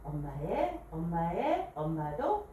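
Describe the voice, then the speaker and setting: A woman reads a picture book aloud to a small group in an animated, expressive way, and she pauses to put questions to her listeners. Her pitch rises and falls freely as she tells the story. The mic is set some way off in a very echoey room, and a faint hiss sits under her voice. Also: recorded from a distance. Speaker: picture book reader at a book club.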